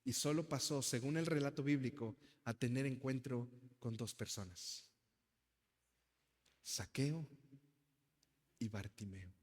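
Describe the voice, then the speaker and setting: A man's voice: mid-range voice, slow pace, long pauses, long reverb tail. A male pastor with a Mexican accent, preaching an emphatic sermon and addressing the congregation as brothers.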